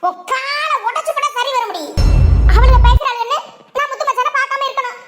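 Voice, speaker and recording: A woman voicing a strict, shrill middle-aged village mother who scolds her daughter in a cartoon. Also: fairly quick, roomy sound, over loud music. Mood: scolding. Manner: shouting and scolding.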